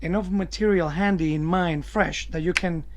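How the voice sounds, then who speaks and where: A man answering interview questions as a cruise director, explaining things emphatically in deliberate phrases. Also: high voice, steady tone.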